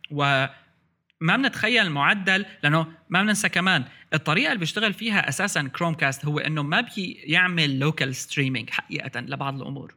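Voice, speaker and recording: A man's voice: a little high, racing, sharp tone. A man with a Levantine Arabic accent chatting casually about tech as a podcast host, mixing English terms into his Arabic.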